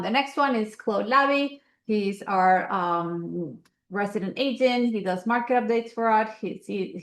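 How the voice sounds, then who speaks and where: Hosting an investor association's online meeting, a Colombian-accented woman runs through announcements for members in a chatty, upbeat, promotional way, sprinkling in lots of ums and uhs. Her voice has an ordinary middle pitch for a woman, and a roomy echo surrounds the sound.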